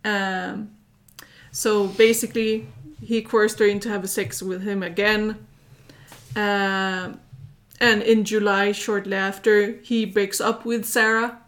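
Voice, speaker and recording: Woman, casual chat, storytelling, lots of fillers, mid pitch. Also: flat delivery, slow pace, a bit bright. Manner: chatty, recounts events with many fillers. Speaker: host recounting a story.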